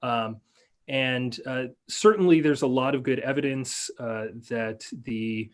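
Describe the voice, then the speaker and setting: A man lecturing on a video call, reading a prepared paper in a measured way and then answering questions with many fillers and restarts. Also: mid-range voice. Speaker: lecturer and researcher.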